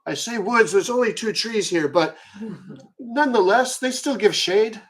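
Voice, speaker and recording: A man doing a jovial, high-voiced old camp leader. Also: normal speed, close to an everyday voice. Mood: welcoming. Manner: jovial, welcoming, rambling with stammered starts. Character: cheerful old male camp leader hosting a drinking party.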